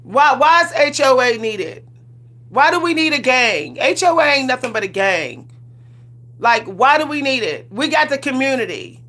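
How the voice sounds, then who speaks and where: Bright, forceful, and on the high side, the voice belongs to a livestream host in her 40s. She rants casually with sass and colloquial phrasing, laughs a lot, and tends to say things more than once.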